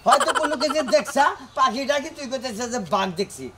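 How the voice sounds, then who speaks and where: A man's voice: very high-pitched, animated, fast, very noisy. A man in comic village banter, mocking and rowdy.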